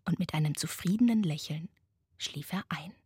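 A woman reading a bedtime story aloud as its narrator, in a soft, slow storytelling manner. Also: sits low, husky, dry recording, studio quality.

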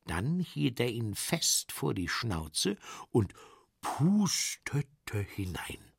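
A man reading a children's story aloud, with very expressive, dramatic delivery. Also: extremely slow, creaky, breathy edge, no room sound, studio quality. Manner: very expressive, dramatic swings in pitch.

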